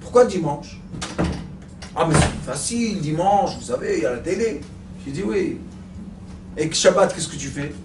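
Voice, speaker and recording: Brief: male rabbi lecturer, high voice with wide swings, roomy echo, mic far off. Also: normal speed, long pauses, background noise. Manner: animated, acting out stories, addressing the audience with questions. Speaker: rabbi teaching a weekly class. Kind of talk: Torah lesson with joke storytelling. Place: lecture room at a study centre. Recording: echoey room, mic far off.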